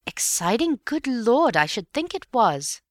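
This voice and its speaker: An eager, excitable young man in a storybook, firing off quick questions, as a woman narrator puts him on. The voice sits low and moves at an unhurried pace. It is recorded dry and close. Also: no echo. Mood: excited.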